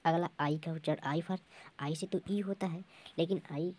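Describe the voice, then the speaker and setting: A male teacher explains pronunciation rules step by step, patient and repetitive, often stopping to check that students follow. His voice is warm and mellow rather than bright. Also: a little high, steady tone, moderate pace.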